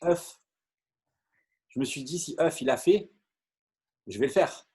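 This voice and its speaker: A middle-aged man from France tells a story to an audience in a lively way, with stumbles, repeated words and many fillers. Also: mid-range voice, unhurried, husky. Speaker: network marketing speaker. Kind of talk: animated storytelling talk to an audience.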